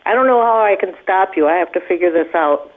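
A woman's voice: fairly low pitch, animated, fast talker. A woman answering a call over a landline phone, firm and curt as she refuses. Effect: heard over a landline phone. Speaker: call recipient. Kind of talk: phone conversation. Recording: tinny phone line.

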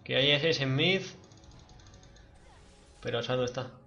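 A man comments on his game live, excitable and cursing freely at himself and his teammates. His voice is bright and forceful. The stream audio is dull and lo-fi. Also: mid-range voice, slow, creaky, faint music behind. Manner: excitable, swears a lot, talks to himself and teammates. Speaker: livestreaming gamer.

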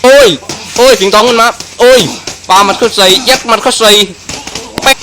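A man doing excited Muay Thai boxing commentary, full of exclamations and rapidly repeated phrases. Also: extremely high pitch. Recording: noisy live event recording.

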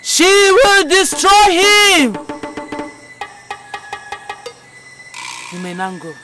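Nigerian fortune teller oracle in a village movie, slow cryptic mystic talk, high pitched, solemn. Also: male voice, lively intonation. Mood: ominous. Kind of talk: Nollywood village epic film acting. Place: inside a thatched shrine hut.

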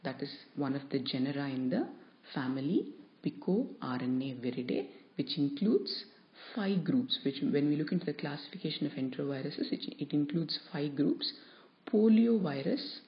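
A woman lecturer explaining a topic to students in a measured, explanatory way, stressing key terms. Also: low voice, animated. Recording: dull lo-fi recording.

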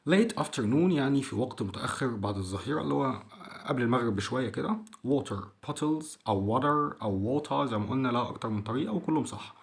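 Egyptian male English teacher, young adult, drills vocabulary by repeating each word, mid-pitched voice. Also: lively intonation, quick pace, gravelly, hardly any pauses. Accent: Egyptian Arabic. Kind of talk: vocabulary lesson for children.

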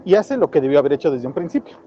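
Animated Mexican man recapping a film. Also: on the high side, very fast. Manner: animated storytelling, chuckles often, acts out quotes. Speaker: film reviewer. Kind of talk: casual movie recap. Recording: dull lo-fi recording with faint background noise.

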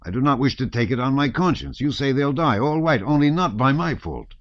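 A man's voice: medium pitch, a little fast, no room sound, voice pushed up, close to an everyday voice. A man voicing a blunt, hot-tempered partisan commander who speaks heatedly, in a dull lo-fi audiobook recording. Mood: heated indignant.

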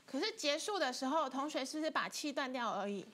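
A woman's voice: high-pitched, animated, quick pace, fairly bright tone. A woman teaching an online flute class, patiently explaining technique step by step. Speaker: music teacher. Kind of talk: online instrument lesson.

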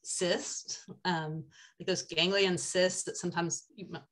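A woman's voice: lowish voice, fairly even intonation, unhurried, a bit bright. An older woman guiding a foraging talk in a chatty, enthusiastic way with many ums, speaking over a webcam from an indoor room. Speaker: foraging guide. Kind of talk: casual presentation over slides. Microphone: webcam on a video call.

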